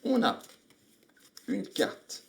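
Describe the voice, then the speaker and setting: A man's voice: very slow, a bit bright. A man hosting a live stream, casually explaining board game rules while thinking aloud and greeting viewers. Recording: echoey room.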